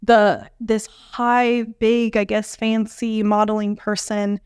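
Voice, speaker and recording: A young adult woman from a Bolivian family, a dietitian guest telling her story in an animated way, full of fillers and acted-out quotes. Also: medium pitch, slow, clear, resonant tone, dry recording, studio quality. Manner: animated, many fillers, acts out quoted dialogue. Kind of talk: conversational storytelling interview.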